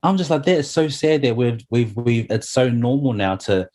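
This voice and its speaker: A man's voice: medium pitch, lively intonation, moderate pace, darkish tone. A middle-aged man, sharing his story earnestly and heartfelt as an interview guest, often saying "you know". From New Zealand.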